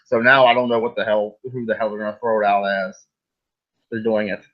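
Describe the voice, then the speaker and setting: A man's voice: lowish voice, steady tone, a little fast. A man co-hosting a casual wrestling chat, talking bluntly and rambling with mild swearing. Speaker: co-host. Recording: dull lo-fi sound.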